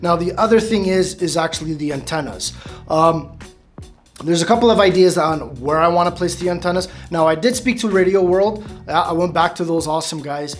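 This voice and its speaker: A vlogger in his thirties talks to a close-up camera about installing a radio in his truck, rambling casually with restarts and small laughs. His voice sits on the high side and runs a little fast, with faint music behind him in a dim room at home where a bike stands in the background.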